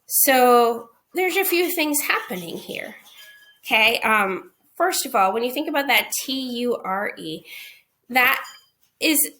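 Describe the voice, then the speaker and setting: A woman's voice: on the high side, sharp tone. Woman, phonics teacher, recorded online lesson, patient explanations, frequent check-ins. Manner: explains patiently, often checking with "okay?" and "right?". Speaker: literacy teacher answering questions.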